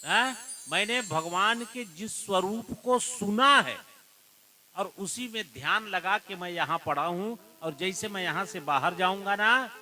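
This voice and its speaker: A man's voice: high voice, animated, a little slow, bright, forceful tone, full character voice. A man voicing a young boy sage who firmly refuses to be bound by family ties, in a devotional storytelling style. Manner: earnest, firm refusals.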